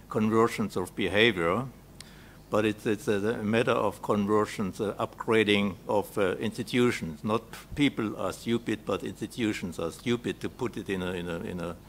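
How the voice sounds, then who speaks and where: A man with a German accent speaking haltingly at a conference round table, with many filled pauses and repeated words. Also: fairly low pitch. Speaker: panel speaker. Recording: noisy live conference room recording.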